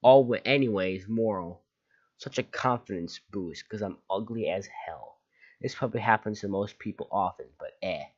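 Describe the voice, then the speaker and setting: Low-voiced man reading posts aloud. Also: animated, moderate pace, a little mellow, dull audio. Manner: sarcastic asides between readings. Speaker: channel host.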